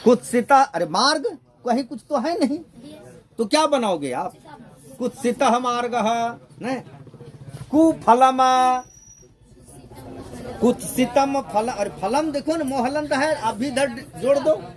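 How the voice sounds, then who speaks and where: A male teacher with a strikingly high voice leads a grammar lesson. He talks at an unhurried pace, asks the class questions and repeats his points to drill them in. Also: expressive.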